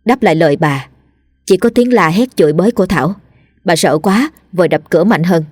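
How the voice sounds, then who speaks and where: Lady reading a ghost story, lowish voice, dry close sound, faint music behind. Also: brisk, slightly rough, no room sound. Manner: steady, dramatic storytelling. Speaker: narrator.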